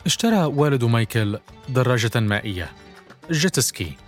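A man's voice: medium pitch, sing-song, brisk, soft background music. A man hosting and narrating a scripted documentary podcast.

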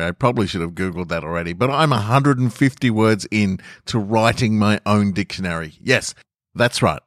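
A man with a low-sitting voice hosts a podcast, chatting casually and narrating short stories aloud. The sound is clean studio quality with no echo.

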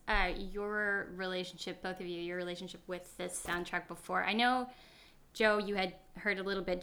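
Bright-voiced teasing woman. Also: medium pitch. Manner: teasing, laughs often. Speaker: podcast co-host. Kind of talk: casual chat.

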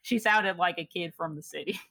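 A woman's voice: fairly low pitch, moderate pace, a bit bright, dry recording. A young woman from Chicago telling a personal story in casual conversation, laughing often and reflecting with many fillers.

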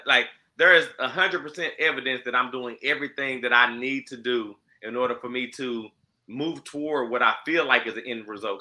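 Podcast co-host, male, bright timbre, earnest self-reflective talker. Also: medium pitch, low-quality recording. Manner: earnest, self-reflective, frequent fillers and restarts. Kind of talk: reflective casual conversation.

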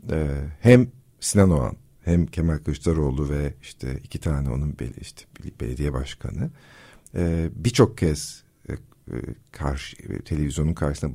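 A man with a very low, husky voice and a dark, mellow tone talks through his points in a measured, explanatory way. He pauses often with fillers as he explains. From Turkey. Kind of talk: casual discussion.

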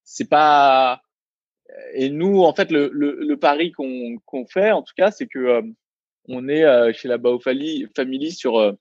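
A man's voice: mid-range voice, darkish tone, no room sound, muffled recording. A man, a restaurant co-founder, talking casually in a podcast interview, full of fillers and restarts. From Vietnamese heritage, raised in France. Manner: halting, many fillers and restarts.

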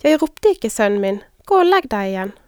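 A woman reading the lines of an old, half-blind priest who speaks gently, like a father. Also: medium pitch, big pitch swings, clean tone, no echo, studio quality, natural voice. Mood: gentle.

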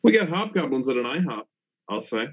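A man's voice: mid-range voice, big pitch swings, fairly quick, a little hiss or hum. A man playing a tabletop role-playing game, improvising casually in character, on a slightly dull recording.

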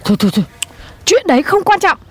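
An excitable, fussy neighbor, played by a woman, her voice pitched very high and fretful. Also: fast. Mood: fretting.

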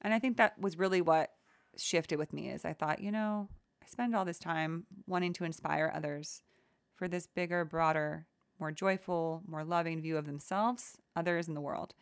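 A woman hosting a solo podcast, talking in a soft, gentle and soothing way as she reflects aloud. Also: low voice, steady tone, normal speed, smooth, dry recording. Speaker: podcast host.

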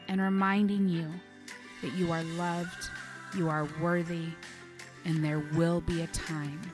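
A woman reading a children's storybook aloud and then giving a calm, gentle devotional message. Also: lowish voice.

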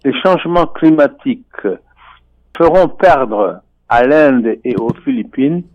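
A man's voice: mid-range voice, animated, no echo. Man speaking over a phone line. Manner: measured and deliberate, with frequent hesitations. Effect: voice heard over a telephone line. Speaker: finance and economics columnist. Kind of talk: radio phone-in commentary. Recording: muffled phone line, dry.

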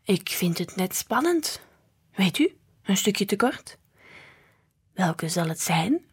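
Woman doing a gruff, unflappable old grandpa. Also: mid-range voice, sing-song, slow pace, full character voice. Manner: grumbling, unflappable.

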